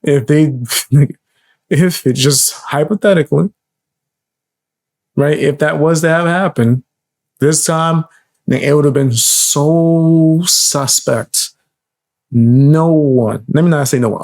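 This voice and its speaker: Gravelly dude co-hosting a reaction stream, blunt, laid back. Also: male voice, fairly high pitch, slow pace, a little mellow. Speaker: co-commentator. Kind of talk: casual reaction chat.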